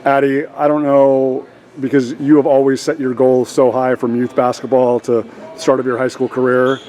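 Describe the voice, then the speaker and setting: A man conducting a sports interview, piling up praise and stumbling through long, winding questions. His pitch sits in the middle range. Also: flat delivery, normal speed, darkish tone. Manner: rambling, many fillers and restarts, effusive. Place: gym after a game.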